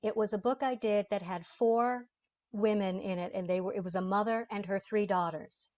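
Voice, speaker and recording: Woman voice actor chatting about her process, mid pitch, talks it through easy, lots of little laughs. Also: fairly even intonation, normal speed, darkish tone, highs cut off. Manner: chatty, explanatory, laughs often. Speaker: voice actor guest. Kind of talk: interview conversation.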